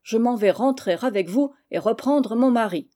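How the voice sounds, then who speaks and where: A dignified older lady, poised and a little haughty, who answers firmly and keeps her calm, as a woman reader puts her on. Her voice sits in a mellow, warm register with a measured delivery. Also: a little high, natural voice. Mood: stern. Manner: measured, haughty, then firm. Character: older composed wife, stern and dignified.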